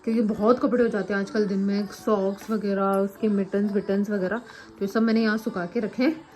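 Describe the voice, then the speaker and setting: A young woman chatting casually in a home vlog, a mother talking softly about her sick child and cooing at him in a higher voice, recorded on a phone in a bedroom. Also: fairly even intonation, fairly quick. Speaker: vlogger and mother.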